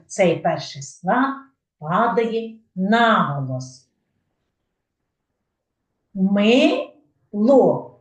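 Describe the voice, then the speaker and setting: A woman teaching young children, speaking slowly in a sing-song way and stressing syllables carefully. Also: lowish voice. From Ukraine. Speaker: kindergarten teacher. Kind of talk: slow, clear lesson for young children. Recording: echoey room, mic far off.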